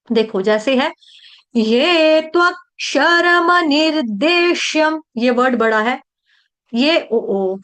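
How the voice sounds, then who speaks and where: A woman from India teaching the recitation of a verse, slowly breaking words into syllables and repeating each one many times. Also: on the high side. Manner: chants verse lines slowly. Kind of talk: patient pronunciation lesson, syllable by syllable.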